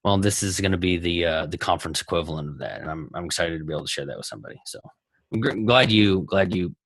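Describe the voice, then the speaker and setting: Texan male entrepreneur guest, low-ish voice, dry close sound, rambling, upbeat. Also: expressive, fast, fairly bright tone, no echo, rough recording. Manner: rambling, enthusiastic, lots of restarts. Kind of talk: casual interview over video call.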